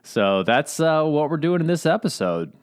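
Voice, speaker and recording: A man's voice: on the high side, normal speed, smooth. Laid-back man co-hosting a podcast. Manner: relaxed, chatty, laughs easily. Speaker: podcast co-host. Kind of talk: casual conversational podcast.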